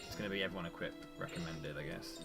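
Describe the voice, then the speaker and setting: A man livestreaming his speedrun, chatting quickly and teasingly over a headset mic while he plays. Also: low voice, fairly even intonation, a bit bright, soft background music. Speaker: speedrunner streaming his run. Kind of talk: casual chat while playing.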